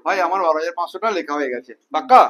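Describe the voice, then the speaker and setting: A man's voice: on the high side, lively intonation, racing, a bit bright, faint music behind. A man teaching a class in a classroom, firing questions at his students and repeating key terms, mixing in English and Hindi. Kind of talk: classroom lecture with student call-and-response.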